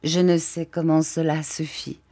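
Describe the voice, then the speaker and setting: A woman narrating a classic tale aloud with a measured, expressive delivery. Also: deep voice. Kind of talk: literary story reading.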